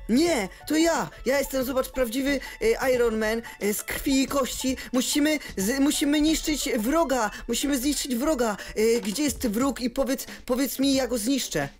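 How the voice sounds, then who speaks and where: An excitable man narrates a Minecraft role-play, full of exclamations and speaking straight to his viewers. Faint music plays behind him. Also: extremely high pitch, moderate pace, few pauses. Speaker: game role-play youtuber. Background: faint background music.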